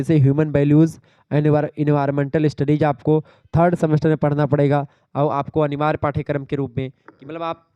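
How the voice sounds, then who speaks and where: Mellow-voiced male teacher revising for exams. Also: on the high side, smooth, dry recording, highs cut off. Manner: explains terms and checks understanding with the class. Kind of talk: exam revision lecture.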